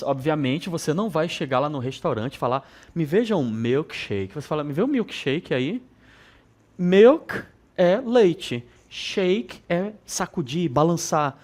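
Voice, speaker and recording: A man from northern Brazil with a regional accent, teaching an English lesson to students and repeating words slowly with frequent check-ins. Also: fairly high pitch. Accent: northern Brazilian Portuguese. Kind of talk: televised school lesson.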